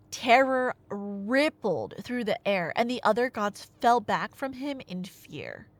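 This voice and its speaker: A woman with a mid-range voice tells a myth like an ASMR roleplay storyteller cast as a chatty girlfriend. Her telling is casual and conversational yet dramatic, dotted with wry asides. There's no echo.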